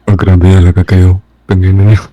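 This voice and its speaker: A man teasing his friends during a group game, his voice run through a deep pitch-shifted voice changer. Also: level tone, normal speed, crowd noise. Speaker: gamer in a group. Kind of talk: casual group banter while gaming. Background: friends chattering and laughing.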